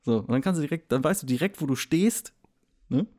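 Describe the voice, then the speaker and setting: A man's voice: fairly high pitch, lively intonation, brisk, darkish tone. A man in his twenties, co-hosting a casual podcast chat, rambling and joking as he talks. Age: 20s. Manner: rambling, jokey, trails off. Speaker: podcast co-host.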